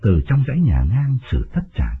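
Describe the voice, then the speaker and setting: Expressive male storyteller, tinny audio. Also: mid-range voice, moderate pace, husky. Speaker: narrator. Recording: tinny phone-like sound, faint music.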